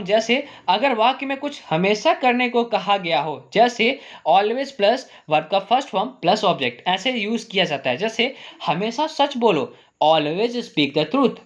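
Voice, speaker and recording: A male English teacher explaining grammar, asking the class rhetorical questions and repeating "ठीक है?" while saying example sentences slowly. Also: high-pitched, highs cut off.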